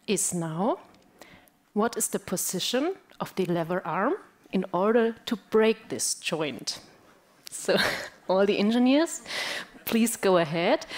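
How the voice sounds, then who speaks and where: A woman giving a conference presentation, running an audience quiz and laughing often as she talks. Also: medium pitch.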